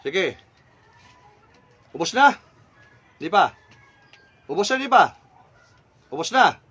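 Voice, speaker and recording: A man's voice: high voice, big pitch swings, slow, sharp tone, husky. A middle-aged man, a folk healer, commanding a spirit during a healing ritual and sharply demanding answers over and over.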